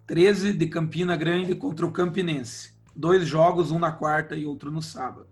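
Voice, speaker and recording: Man, Brazilian accent, reedy cracked thin voice, highish pitch, sports host, light music underneath. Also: steady tone, a little slow. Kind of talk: sports news round-up and chat. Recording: music behind the voice. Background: background music.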